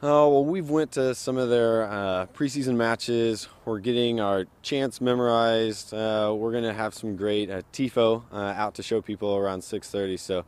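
A man's voice: on the low side, fairly even intonation, normal speed, few pauses, clean tone. A man soccer supporter talking casually and a bit hesitantly in an outdoor interview.

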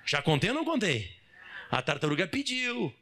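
A man preaching a sermon as pastor, animated, firing rhetorical questions at the congregation and shouting for emphasis. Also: high-pitched, moderate pace. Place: church service hall.

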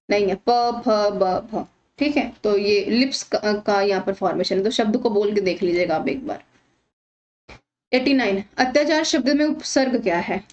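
A woman's voice: fairly high pitch, highs cut off. A woman teaching an exam-prep grammar lesson, patiently asking questions and answering them herself.

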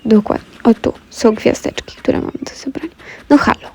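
A woman plays a game and chats straight to her viewers in relaxed let's play fashion, congested from a cold with a stuffy throat. Her voice is a little high, a bit mellow and slightly rough, at a normal speed.

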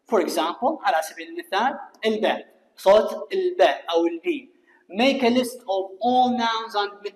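Male teacher, echoey room. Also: high-pitched. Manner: explains in Arabic, reading English phrases slowly. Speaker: English teacher. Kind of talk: recorded classroom lesson explanation. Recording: long reverberant room echo.

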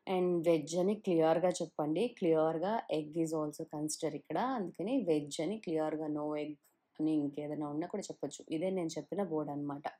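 A woman chatting casually as she films a walking tour outdoors, mixing in English words and pausing with fillers. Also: low-pitched, mellow. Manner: chatty, mixes English words into her speech, filler "ahh". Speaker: travel vlogger. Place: outdoors along a riverside town walk.

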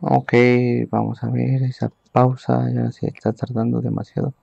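A man casting a live esports match from home, his voice rough with fry. The sound is dry and close, with almost no room around it. He gives hurried play-by-play and speaks straight to the viewers. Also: mid-range voice, little pitch movement, dark tone, no echo, highs cut off. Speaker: esports caster. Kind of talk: live game commentary.

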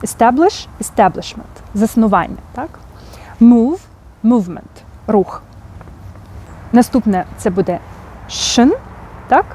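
A woman's voice: fairly high pitch, animated, slow, long pauses, dark tone, a little hiss or hum. Ukrainian-accented woman teaching English vocabulary. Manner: explains patiently, checks in with "так?". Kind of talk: vocabulary lesson.

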